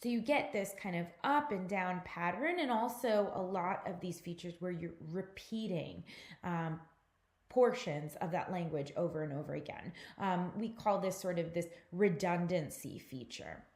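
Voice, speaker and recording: A woman's voice: fairly low pitch, moderate pace, darkish tone. Woman instructor giving a roomy recorded lecture. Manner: patient explanatory teaching, addressing students directly. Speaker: course instructor.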